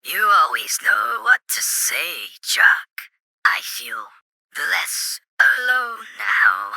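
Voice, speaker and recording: A man voicing a lonely, melodramatic blob monster in comedy radio, with drawn-out words that break into whispers. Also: high voice, wildly swooping pitch, creaky, sharp tone, no echo, heavily acted. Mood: lovelorn. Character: lonely, lovelorn amorphous male blob monster.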